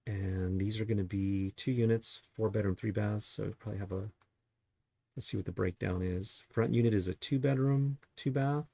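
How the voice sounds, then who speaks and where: A real estate agent, a man with a deeply gravelly voice, chats his way through property listings. His tone is husky and fairly low, and he keeps posing rhetorical questions. The sound is dry and close, with no room around it. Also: fairly even intonation, moderate pace, warm tone, dry recording. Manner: chatty, asks rhetorical questions. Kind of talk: casual market review while browsing listings.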